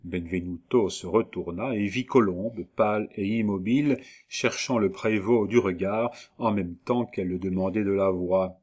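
A man narrating a classic novel in a calm, measured reading. His voice sits low and even throughout. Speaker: audiobook narrator.

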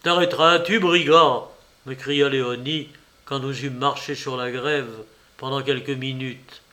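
A man narrating a classic novel as an audiobook in a measured, dramatic way. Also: mid-range voice, level tone, fairly bright tone.

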